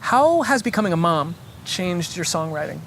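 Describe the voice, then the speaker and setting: An interviewer asking rapid-fire questions and reacting briefly and upbeat to each answer. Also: medium pitch, very animated, fairly bright tone, a little hiss or hum.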